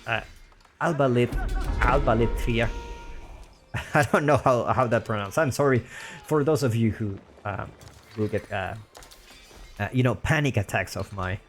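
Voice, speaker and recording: A man's voice: mid-range voice, moderate pace, faint music behind. A man with a Spanish accent, a native Spanish speaker, casting a strategy game match live and repeating his own phrases as he talks. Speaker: game caster.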